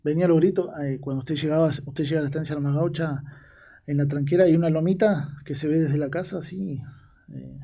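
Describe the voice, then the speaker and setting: Halting man with gravelly voice. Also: on the high side, warm tone. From Argentina. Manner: halting, repeats words. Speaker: guest, former ranch hand. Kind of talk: storytelling interview.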